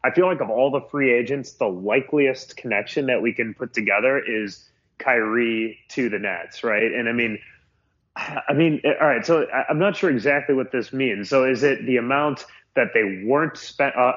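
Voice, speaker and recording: A man's voice: medium pitch, moderate pace, a bit bright. A man co-hosting a sports podcast from a muffled, cave-like home room, chatting casually and thinking aloud with restarts. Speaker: podcast co-host. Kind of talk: casual sports betting chat. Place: small makeshift home room in a new house, under a blanket.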